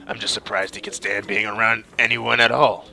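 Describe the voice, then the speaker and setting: A man voicing a weary, gruff old male giant chieftain from a fantasy game. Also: lowish voice, level tone, brisk, pushed and bright, slight background noise, voice pushed down, exaggerated voice.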